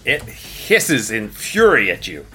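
A man's voice: fairly low pitch, wildly swooping pitch, takes it slowly, sharp tone, husky, soft background music. A man running a tabletop game as game master, describing the action and patiently explaining rules, laughing often.

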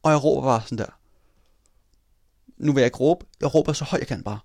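A man in casual chat telling a personal story in an animated way, swearing casually. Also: medium pitch, no room sound, clean studio sound.

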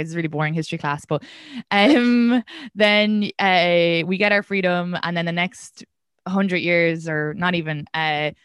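A woman's voice: on the low side, clean tone, no echo, studio quality. A young Irish woman, a stand-up comedian, chatting casually and telling stories with energy. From Ireland. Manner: chatty, animated storytelling with laughs. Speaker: stand-up comedian, podcast guest. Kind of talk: casual conversational chat.

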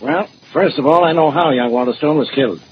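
An actor playing an irritable, thick-headed police inspector in a 1940s radio drama, gruff and blustery. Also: male voice, a little high, fairly quick, dull audio, close to an everyday voice. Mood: smug, argumentative. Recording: noisy, band-limited old radio recording.

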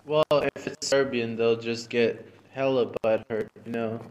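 A man talks in a laid-back, slangy way, tossing in jokes as he chats on a podcast. He speaks from outdoors at a restaurant. His pitch sits in an ordinary middle range. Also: fairly even intonation, measured pace, darkish tone, low-quality recording. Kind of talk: casual chat.

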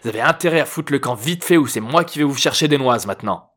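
A man voicing a panicked, indignant TV prankster in an alien costume in an audiobook, yelling in a high voice. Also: expressive, fast talker. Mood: angry.

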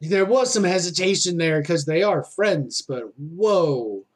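Male wrestling commentator, high-pitched voice, slow pacing, excitable play-by-play, informal fan-like exclamations. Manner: excitable, exclaiming at big moves.

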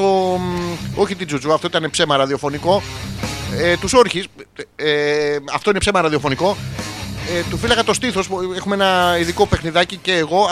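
His voice sits high and has a fairly bright tone: a man in his forties hosting a comedic radio show in a studio. He rambles crudely through listener messages, with sudden outbursts.

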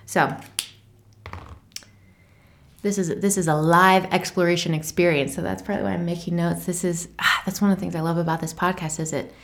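A woman speaks alone as a podcast host, in a voice pitched a little below average. Her delivery is casual and introspective, tender and sincere. She pauses to think as she goes. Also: steady tone, gravelly. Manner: tender, earnest, thoughtful with pauses. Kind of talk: reflective casual solo talk, with a short letter read aloud. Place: small unfinished home creative studio.

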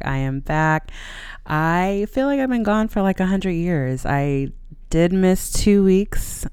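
A podcast host chatting casually and conversationally alone, in a smooth, clear voice close to the microphone. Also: medium pitch, a little mellow, no room sound. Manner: conversational, laughs easily while talking.

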